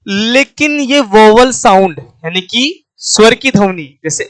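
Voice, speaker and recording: High, clear-voiced Indian man teaching. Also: animated, fairly bright tone, no room sound, poor audio. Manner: asks himself questions and answers them, repeats key points; spells words out letter by letter, slowly. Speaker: English teacher. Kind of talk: classroom-style grammar lesson.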